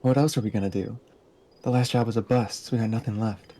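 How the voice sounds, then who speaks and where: A man's voice: on the low side, fairly even intonation, fast talker, dark tone. A man voicing an eager cowboy outlaw sidekick in a plain voice close to his own. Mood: persuasive. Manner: plain, hardly acted talk.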